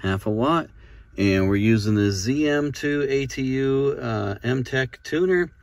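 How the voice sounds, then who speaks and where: With a mid-range voice and a slow pace, a middle-aged man from the United States explains ham radio in an easygoing, folksy style for his videos. There's no echo on the recording, made outdoors in an open field and partly inside a parked car.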